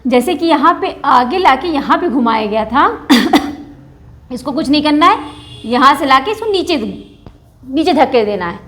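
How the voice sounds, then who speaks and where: Woman, patient alphabet teacher; unhurried, drawn-out sounds, quiz-and-answer style. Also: sits high, expressive, fairly bright tone. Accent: Indian Hindi speaker. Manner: slow, patient, drawing out each sound; asks the class questions and answers them herself. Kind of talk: children's Hindi alphabet lesson.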